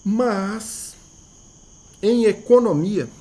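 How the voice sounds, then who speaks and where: A man with a high-pitched, dark-toned voice speaks extremely slowly in a math video lesson, with a Brazilian Portuguese accent. He thinks aloud as he explains, repeating key words and asking himself rhetorical questions.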